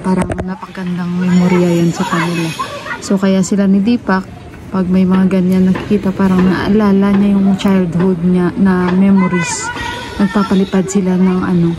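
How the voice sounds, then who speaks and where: A woman's voice: on the low side, flat delivery, normal speed. A woman chatting casually to her vlog viewers, calling them "guys" again and again. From Western Visayas, Philippines. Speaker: vlogger. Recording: noisy background ambience.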